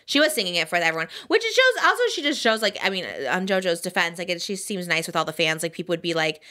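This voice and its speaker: A young adult woman hosting a podcast in casual chat, animated and full of "like" and "literally". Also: fairly low pitch, fast. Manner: animated, says "like" and "literally" often. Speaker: podcast host.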